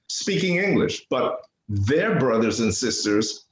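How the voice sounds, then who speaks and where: In a roomy, echoing podcast interview, an older New York City artist shares personal stories. His medium-pitched voice is very animated yet slow, and he speaks casually, repeating phrases for emphasis.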